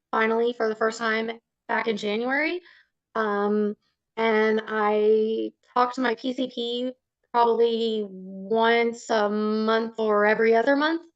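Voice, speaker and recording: Slightly muffled, higher-pitched woman testifying haltingly. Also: steady tone, clear, resonant tone, no echo. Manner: halting, with long pauses. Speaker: witness, parent in child support case. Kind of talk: sworn testimony, polite answers. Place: court hearing over video call. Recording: slightly dull video call audio.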